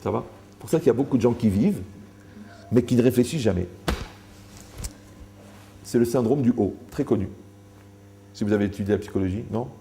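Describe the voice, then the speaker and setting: A man's voice: mid-range voice, brisk, creaky, long pauses, warm tone, slight background noise. A man giving a Torah lecture to a live audience, joking, asking the room questions and acting out the people he quotes.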